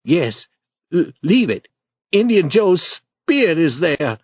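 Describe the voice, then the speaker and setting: A man's voice: on the high side, sing-song, slow, no room sound, pitched above the performer's own voice, heavily acted. A man voicing a timid, easily frightened boy in a storybook reading, speaking hesitantly with stammers. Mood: nervous. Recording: dull dry lo-fi recording.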